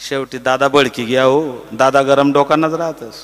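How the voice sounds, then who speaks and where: A man at medium pitch and normal speed narrates a devotional kirtan story in a large hall. His preaching is animated: he voices the different characters and breaks into sung chant between spoken parts.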